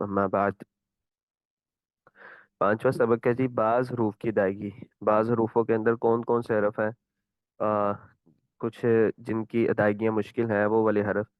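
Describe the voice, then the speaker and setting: A patient male recitation teacher with a Pakistani Urdu accent explains each point, asks questions and answers them himself. His voice is smooth and clear but comes through thin and phone-like, very close and dry. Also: medium pitch, no room sound. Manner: explains patiently, repeats questions, then recites example words slowly. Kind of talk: online tajweed lesson. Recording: tinny phone-like line.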